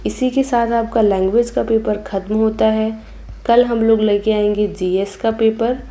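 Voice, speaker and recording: Woman teacher, measured exam walkthrough, warm low timbre. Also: steady tone. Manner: reads each option then gives the answer.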